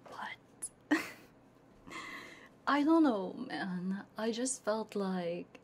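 A woman livestreaming as an ASMR VTuber chats casually and playfully, often slipping into a whisper and cooing giggly and doting to her pet dogs. Her mid-range voice has lively intonation and drawn-out words. She uses a binaural 3Dio ASMR mic, with faint background noise on the stream.

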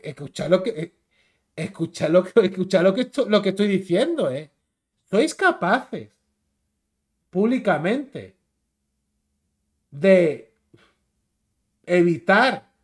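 A man with a Spain Spanish accent delivers a combative, mocking YouTube rant. His voice sits high and swings widely in pitch as he jeers. The tone stays insulting throughout. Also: expressive, measured pace, long pauses, a little mellow. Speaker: YouTube commentator. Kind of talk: ranting commentary video.

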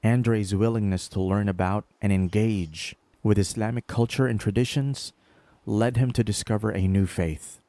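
A man narrating a short documentary profile in a measured, scripted voice-over. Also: lowish voice, fairly even intonation, mellow, dry recording.

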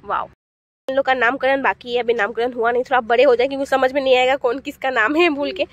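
A woman's voice: high voice, level tone, quick pace, dry recording, lo-fi sound. A woman in her thirties, a mother hosting a casual family vlog from home, chatting fondly and repeating words affectionately.

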